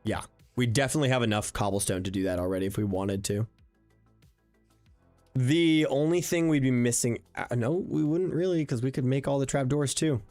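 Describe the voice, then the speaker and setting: A man's voice: medium pitch, fairly quick, a little mellow. Chatty young man streaming a game. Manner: chatty and musing, thinks aloud with many fillers and restarts; answers viewers in chat. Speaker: streamer playing a modded block-building game. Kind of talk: casual live-stream gameplay commentary. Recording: faint background music under the voice.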